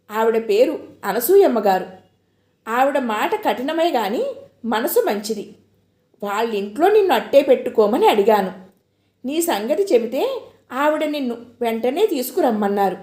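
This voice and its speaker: A woman voicing a young man who talks in a gentle, steady, reassuring way. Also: a little high. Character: young man, calm, caring friend. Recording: echoey room.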